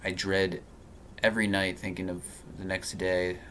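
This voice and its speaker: Thirties male vlogger, lowish voice, halting rambling delivery, faint background hiss. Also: flat delivery, a bit bright. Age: 30s. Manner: halting and rambling, full of fillers and restarts. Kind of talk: personal vlog monologue.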